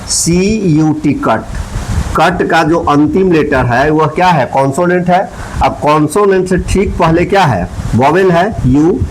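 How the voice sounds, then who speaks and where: A man's voice: fairly high pitch, darkish tone, a little hiss or hum, rough recording. A man teaching English verb forms, spelling words out letter by letter. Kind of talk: spelled-out grammar lesson.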